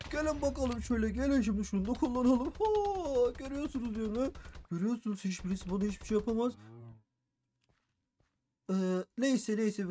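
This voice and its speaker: A man narrating a game role-play as a gaming YouTuber, excitable and boastful, with frequent exclamations. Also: extremely high pitch, slight background noise. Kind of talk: Minecraft role-play commentary.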